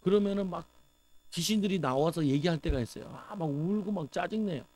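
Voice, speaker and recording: A middle-aged man preaching to his congregation, his voice sitting a little high for a man. He talks in an emphatic, conversational way and keeps asking rhetorical questions. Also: fairly quick, darkish tone, low-quality recording. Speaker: pastor. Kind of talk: sermon.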